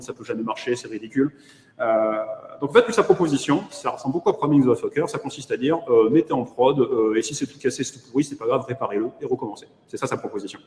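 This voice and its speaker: A man's voice: mid-range voice, fast, a little mellow. A man with a French accent giving a conference keynote online, hesitant with many fillers and wry asides. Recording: echoey room with long reverb.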